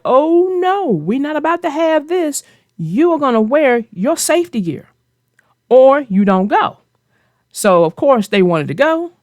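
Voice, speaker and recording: A woman with a fairly high voice hosts a children's read-aloud show, discussing a children's story and offering advice in an emphatic, conversational way. The recording is studio quality with no room sound.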